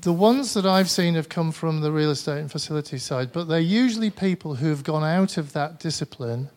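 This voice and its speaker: This man's voice is fairly high in pitch, a little mellow, brisk, with lively intonation. He is a Manchester-born conference speaker with a Mancunian English accent, delivering a tired, chatty presentation followed by audience Q&A, frequently hesitating and starting over.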